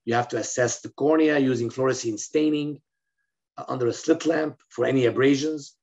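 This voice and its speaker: A brisk, steady, medium-pitched voice with a darkish tone belongs to a middle-aged physician from Lebanon. In a recorded video-call lecture on medicine, he explains steadily, using fillers and restarting sentences. He is in an indoor room against a plain wall, and the webcam audio is slightly dull and lo-fi.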